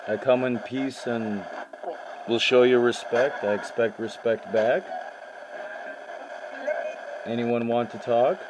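A man's voice: mid-range voice, steady tone, takes it slowly, pauses often. A man hosting a paranormal session, talking to a ghost in short, spaced-out questions to unseen spirits. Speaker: paranormal investigator, session host. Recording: clear background noise, radio-like static.

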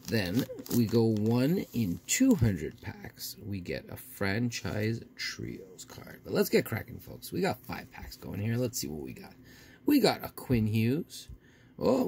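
A man with a gravelly voice giving casual, folksy unboxing commentary as a host talking to his viewers. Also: medium pitch, a little mellow. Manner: folksy, often addressing viewers. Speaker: host of a card pack opening video. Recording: faint noise with crinkling wrappers.

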